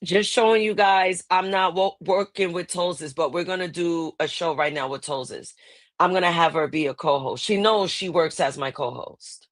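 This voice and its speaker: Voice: medium pitch, moderate pace, no room sound, studio quality. Casual host, voice chopped by noise cancellation. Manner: laid-back, rambling, loud exclamations. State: sleepy, just out of bed. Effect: voice clipped by earbud noise cancellation. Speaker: podcast host. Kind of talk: casual chat. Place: home, at a computer. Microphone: wireless earbuds.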